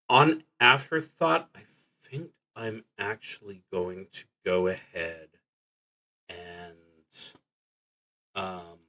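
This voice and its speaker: A solo tabletop roleplaying streamer casually explains game rules on a livestream, talking slowly in a halting way as he thinks aloud and trails off. His voice is lowish but bright and forceful, and the audio is poor.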